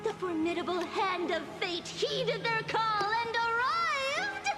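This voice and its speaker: A woman voicing a poised young woman narrating in a video game, with a measured, dramatic delivery. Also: very high-pitched, animated, exaggerated voice. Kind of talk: scripted video game voice acting. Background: game music.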